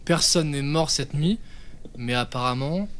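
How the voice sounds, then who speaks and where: A man's voice: on the high side, fairly bright tone. An actor playing a dim-witted, touchy young man who stumbles over his words and turns menacing when mocked, in a live improvised audio drama. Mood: confused. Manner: halting, confused, then menacing outbursts.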